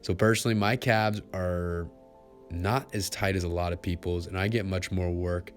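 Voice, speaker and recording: A man giving follow-along foam rolling instructions in a relaxed, encouraging coaching manner. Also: low voice, moderate pace. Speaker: fitness instructor. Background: faint background music.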